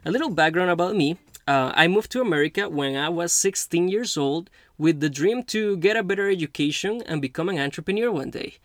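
A man in his twenties who grew up in Costa Rica, hosting a podcast interview in an earnest, halting way with many restarts. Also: a little high, lively intonation, no room sound. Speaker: podcast host. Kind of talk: casual interview chat.

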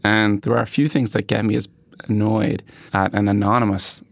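A man in casual podcast banter, pitching an idea in an emphatic, mildly exasperated way. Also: flat delivery, normal speed, vocal fry, dry recording, clean studio sound.

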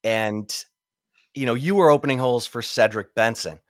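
A middle-aged man hosts a casual sports podcast, chatty and quick to tell stories. His voice sits at an ordinary pitch. The recording is dry and close. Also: no echo. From Michigan. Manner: chatty storyteller, warm welcomes. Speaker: podcast host.

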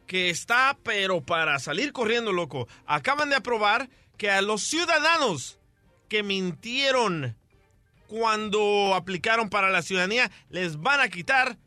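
A man co-hosting a radio comedy show in a high, lively voice with a very bright, sharp tone. He throws in quick joking asides. The sound is dry and close. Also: dry recording, faint music behind. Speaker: radio co-host. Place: radio studio.

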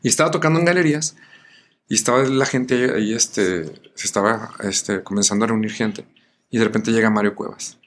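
A man with a Mexican accent, a guest musician telling a story in a casual, animated way, acting out the voices of the people in it and using plenty of fillers. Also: lowish voice, fairly quick, slight background noise. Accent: Mexican Spanish. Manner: animated, acts out voices in his stories, many fillers.

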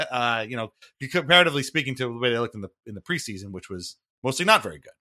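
Expressive and quick, a male sports podcast host recaps hockey games in a relaxed, chatty way with a bright, forward voice at an ordinary pitch. He's slightly wry and keeps hedging his remarks.

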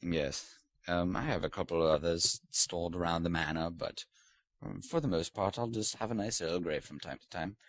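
A man with a low-pitched voice speaks at a moderate pace, with no room sound. In character as a pompous British lord hosting a comedic podcast interview, he adopts a put-on British accent and a haughty, mock-posh, teasing manner.

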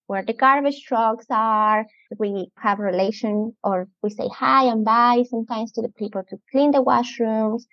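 A woman's voice: fairly high pitch, unhurried, few pauses, a bit bright, dry recording. A woman in her thirties from Ecuador with a Latin American Spanish accent, a chatty and enthusiastic outdoor preschool educator talking as an interview guest. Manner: enthusiastic, chatty, laughs often. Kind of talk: casual interview chat. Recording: muffled lo-fi podcast audio.

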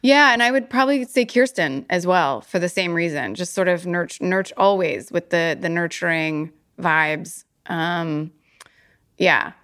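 A woman co-hosting a podcast in casual chat, chatty and quick to laugh, often restarting her sentences. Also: lowish voice, a bit bright. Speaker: podcast co-host.

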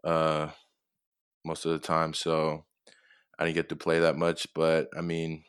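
Young male athlete from Tonga, deep flat voice, smooth, dry sound. soft-spoken and hesitant. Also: measured pace, dry recording. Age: young adult. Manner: soft-spoken, hesitant, many fillers and chuckles. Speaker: football player guest. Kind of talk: casual interview answers.

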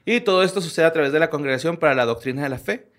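A man with a Mexican accent and a voice a little higher than average. He hosts a loose, casual chat, sharing odd stories in profane, slangy, informal language. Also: expressive, racing, a bit bright. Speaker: podcast host.

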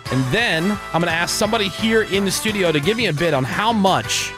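An American man hosts morning radio in a fairly high voice. He moves between casual banter and contest patter over a clearly audible music bed. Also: a little fast. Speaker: radio show host. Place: radio studio.

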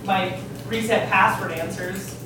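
A woman's voice: medium pitch, fairly even intonation, measured pace, distant mic, noisy background. A young woman speaking casually from across an echoey kitchen. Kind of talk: casual chat. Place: home kitchen.

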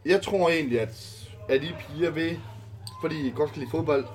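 Man, podcast co-host, casual and hesitant, voice a touch high. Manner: relaxed, hesitant, many fillers. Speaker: podcast co-host, amateur footballer.

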